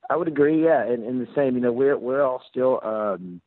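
A man's voice: mid-range voice, moderate pace. American man on a tinny phone line. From United States. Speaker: interview guest, rock drummer. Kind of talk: casual chat.

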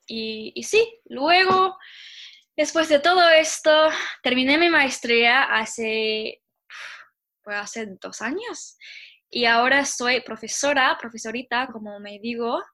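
A young woman with a Chilean accent, chatting casually in an interview and talking quickly, like a little bird. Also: fairly high pitch, bright, forceful tone. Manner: talks fast, like a little bird. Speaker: interviewee, Spanish teacher. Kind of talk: casual conversation.

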